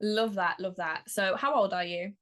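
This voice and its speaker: A woman hosting an interview, upbeat and quick to laugh along with her guest. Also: medium pitch, fairly even intonation, fairly bright tone. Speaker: interview host.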